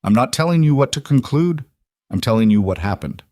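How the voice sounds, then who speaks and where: A man voicing a guarded, steady rancher who speaks in terse, measured lines. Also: medium pitch, no room sound, clean studio sound, pitched above the performer's own voice, lightly acted.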